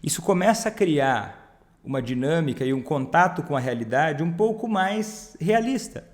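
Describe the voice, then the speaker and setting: Male counselor talking straight to camera, chatty and explanatory, slightly raised pitch. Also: lively intonation, moderate pace. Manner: conversational, explains with many rhetorical questions and acted quotes. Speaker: family counselor on alcoholism. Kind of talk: direct-to-camera advice talk.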